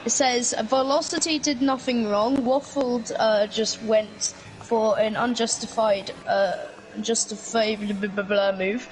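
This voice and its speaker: A woman's voice: on the high side, steady tone, measured pace, low-quality recording. A woman co-commentating a sim race in a casual, chatty way, reading out the chat and exclaiming at the action. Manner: chatty, reads chat aloud, frequent exclamations.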